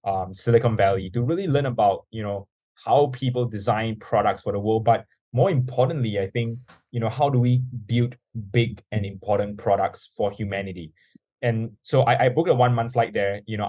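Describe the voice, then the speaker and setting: A young Singaporean startup founder, appearing as a podcast guest, earnestly shares his story and keeps dropping "you know" fillers. His voice is lowish and mellow, and the audio has no echo.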